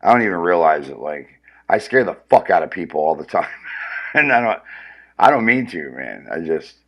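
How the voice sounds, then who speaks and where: During a comedic livestream, a man with a powerful, low-pitched voice rants casually and profanely at a normal speed, sounding very animated. He rambles and restarts often, and the audio is dull.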